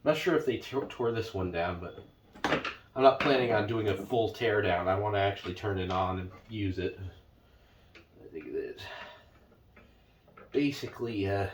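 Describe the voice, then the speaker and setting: A man's voice: fairly low pitch, normal speed, long pauses, background noise. A man giving casual unboxing commentary, rambling and unsure, thinking aloud with fillers as he moves around his home, sometimes drifting away from the camera mic. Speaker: product reviewer.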